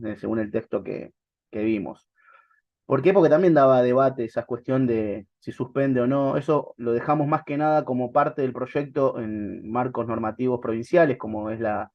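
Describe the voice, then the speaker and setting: A man's voice: medium pitch, dry recording, highs cut off. Flu-ridden Argentine man teaching a class. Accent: Argentine Spanish. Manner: hesitant, repeats words as he talks. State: has the flu. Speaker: course instructor. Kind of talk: online law class.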